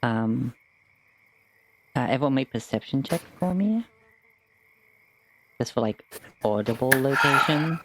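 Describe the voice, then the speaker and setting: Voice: mid-range voice, expressive, measured pace, pauses often, noisy background. A game master running a tabletop game on a live stream in a casual, hesitant, informal way.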